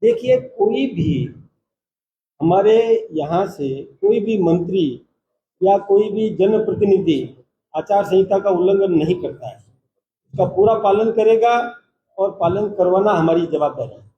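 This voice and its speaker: Formal high-voiced politician in echoey hall. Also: male voice, dull audio, a little hiss or hum. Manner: measured, formal, stops reporters to take questions in turn. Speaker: party state president. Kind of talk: formal press conference statement. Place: press conference hall.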